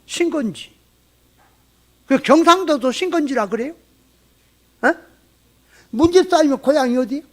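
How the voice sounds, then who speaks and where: High, animated Jeolla-accented man preaching. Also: moderate pace, pauses often. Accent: Jeolla Korean. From Jeolla, Korea. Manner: asks the congregation rhetorical questions, folksy and lively. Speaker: pastor. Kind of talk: sermon. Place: church sanctuary.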